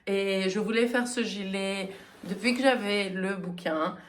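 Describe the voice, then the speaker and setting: A woman hosting her knitting podcast in a casual, chatty way, often pausing with hesitant fillers. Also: mid-range voice. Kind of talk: casual chat.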